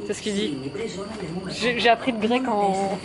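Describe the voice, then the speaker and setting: A young French woman in her twenties, mid-range voice with fairly even intonation and a measured pace, vlogs casually and jokingly through streets and a supermarket, laughing often. She films indoors and out on a handheld camera held low at arm's length, with crowd noise and a noisy street and shop background.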